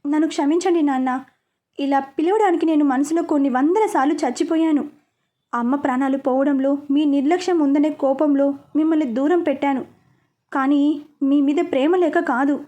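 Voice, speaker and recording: A woman's voice: high-pitched, normal speed, warm tone, close to an everyday voice. Woman voicing a touchy young office man. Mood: remorseful. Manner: irritated, defensive. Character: young man, touchy office worker, quick to take offense.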